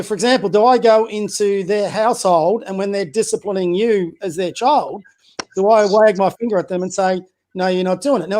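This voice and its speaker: Slight background noise accompanies a high-voiced man, a community basketball coach, talking politics as a casual podcast guest. His tone is a bit mellow, but his opinions come out bluntly, with rhetorical questions and false starts along the way.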